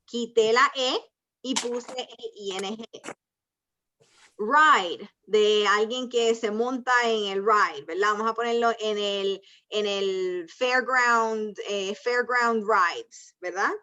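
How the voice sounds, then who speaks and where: An ESL teacher with a slow, high-ish, pushed and bright voice teaches an online language class, patiently explaining rules step by step while mixing Spanish and English. The video call audio is dull and lo-fi.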